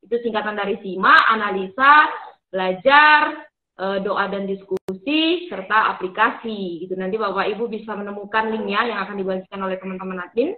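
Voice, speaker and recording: A woman hosting an online Bible study, addressing viewers politely with some hesitant pauses. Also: mid-range voice, narrow, tinny audio. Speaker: host. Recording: roomy, echoing sound.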